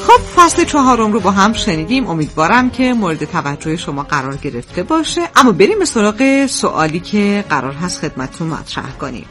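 A woman hosting an audiobook program, reading out a quiz question and its answer choices in a lively, sing-song way. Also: mid-range voice, hardly any pauses, soft background music. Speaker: audiobook host presenting a quiz. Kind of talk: scripted presenting.

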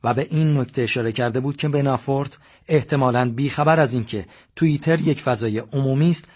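In an even, measured reading, a medium-pitched man narrates a scripted audiobook.

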